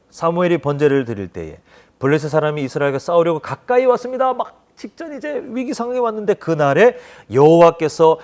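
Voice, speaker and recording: A man preaching a children's sermon, animated, often asking the children questions. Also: on the high side. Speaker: children's pastor.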